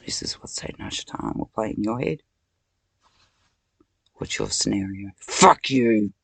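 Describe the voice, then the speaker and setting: A woman giving a rambling spiritual monologue and prayer, slow and deliberate, breaking into sudden loud curses. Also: rumbling low, vocal fry, husky, no echo, in a whisper. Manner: guides slow breathing while chanting names. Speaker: spiritual video maker.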